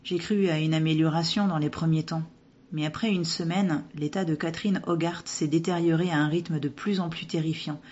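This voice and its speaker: A woman voicing the ghost of a young male doctor who tells his past in a calm, gentle way. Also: sits low, normal speed, slightly rough. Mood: recounting. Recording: dull lo-fi recording.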